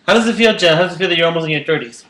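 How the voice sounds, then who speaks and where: A man's voice: on the high side, racing, a bit bright, echoey room, low-quality recording. A man in his twenties hosting a casual chat, rambling and restarting his sentences. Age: 20s. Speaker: host.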